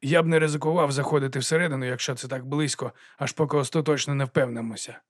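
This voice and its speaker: A man voicing a gruff, impatient old male sweeper-monk in a storybook, with a brusque, commanding manner. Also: medium pitch, steady tone, quick pace, no echo, clean studio sound, close to an everyday voice. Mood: wary.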